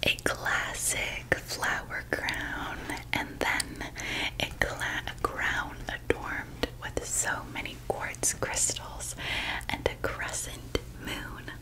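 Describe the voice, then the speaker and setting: A woman doing a whispered role-play as a gentle fairy designer attending to a customer, in a soft breathy voice. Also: slow, poor audio. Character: gentle female fairy designer showing customer clothes and crowns.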